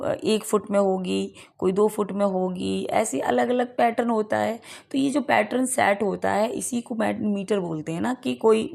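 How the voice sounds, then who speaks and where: An Indian woman teaching English literature for an exam, with a gravelly, creaky edge to her mid-pitched voice. She reads each question out slowly, then explains it in easy conversational Hindi. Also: a little mellow. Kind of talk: exam-prep lecture.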